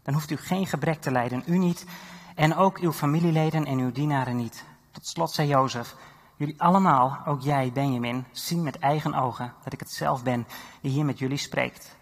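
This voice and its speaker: A man preaching a sermon and retelling a Bible story, animated, with loud exhortation and quiet reading. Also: on the high side, moderate pace. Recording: long hall reverb.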